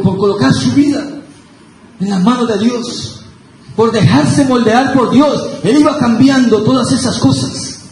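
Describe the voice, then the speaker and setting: A man preaching a fervent Pentecostal sermon, breaking into shouted emphases. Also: extremely high pitch. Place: church sanctuary. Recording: very echoey church hall, faint hiss.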